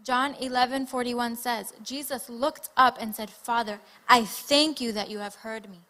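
A woman delivers a sermon in short, deliberate phrases, stopping after each one so it can be translated. Her voice is bright and sharp, sitting a little high. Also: fairly even intonation. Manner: reads scripture aloud, pausing for translation. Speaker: preacher. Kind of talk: sermon with interpreter.

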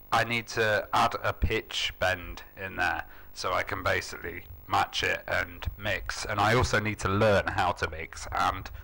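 A man's voice: low voice, vocal fry, bright, forceful tone, poor audio. A man hosting a DJ music show in casual, explanatory livestream chat, speaking into headphones used as a microphone.

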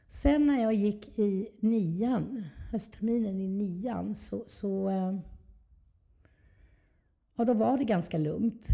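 A woman speaks in a very dark, mellow voice with plenty of creak. She is an interview guest telling a personal story, candid and reflective, in a lowish register. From southern Sweden.

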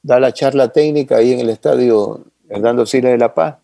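A man, a football commentator, tells anecdotes in an animated, familiar way in an interview. His voice is gravelly with a mid pitch. It sounds close and dry, with no room sound. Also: fairly quick, no echo. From Ecuador. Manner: animated anecdotal, addresses listener as brother. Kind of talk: interview storytelling.

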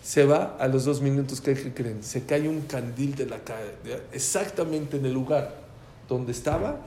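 A man's voice: medium pitch, normal speed. Man telling stories in an echoey room. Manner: animated, acts out dialogue in stories. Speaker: religious teacher. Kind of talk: storytelling lecture. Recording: echoey room with faint ambient noise.

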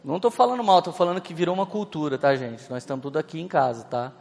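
A man's voice: a little high, fast talker, vocal fry, darkish tone. A man with a Brazilian Portuguese accent preaching a humorous sermon as a pastor, chatty and joking, often acting out little scenes as he tells stories. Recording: hall reverb, faint background music.

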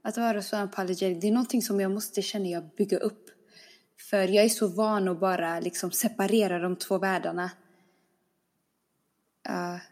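A woman's voice: mid-range voice, steady tone, long pauses, a little mellow. A woman in casual conversation, responding supportively and mixing English phrases into her talk. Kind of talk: casual chat.

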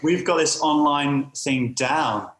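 A man's voice: fairly high pitch, takes it slowly, fairly bright tone, slight background noise. Echoey, hesitant male podcast host. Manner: hesitant, loosely phrased. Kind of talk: casual chat. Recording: echoey room sound.

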